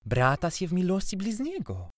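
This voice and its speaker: A man reading an audiobook, voicing a kindly middle-aged aunt who speaks in a gentle, placating way. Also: high-pitched, wildly swooping pitch, moderate pace, no room sound, clean studio sound, pitched above the performer's own voice. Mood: soothing.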